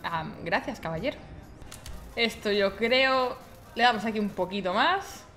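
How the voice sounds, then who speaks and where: A woman with an accent from Spain improvising casual role-play in an online game, blunt and quick to swear. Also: medium pitch, expressive, a bit bright.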